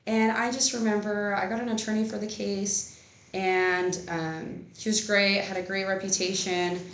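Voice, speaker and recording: A woman's voice: mid-range voice, level tone, moderate pace, fairly bright tone. Earnest young woman, echoey room. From Rio Grande Valley, Texas. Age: young adult. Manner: earnest, many fillers. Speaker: newly licensed attorney, guest. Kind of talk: casual interview. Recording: echoey room with faint noise.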